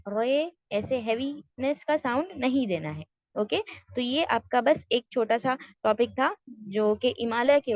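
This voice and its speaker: Higher-voiced woman teaching an online class. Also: dry recording, highs cut off. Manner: explains step by step, often checks understanding; mixes English words into her speech. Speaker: tajweed teacher.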